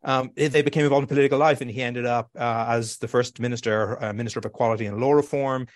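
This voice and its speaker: A man with a light Irish accent tinged with New York, giving halting, conversational answers as an interview guest. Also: mid-range voice, fairly even intonation, no echo, clean studio sound. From Ireland. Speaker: guest, executive of a community organization.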